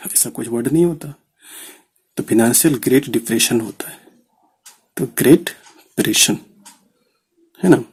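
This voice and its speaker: A man from India teaching shorthand in a casual lesson, repeating words slowly as he writes, with many fillers. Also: mid-range voice, warm tone, husky.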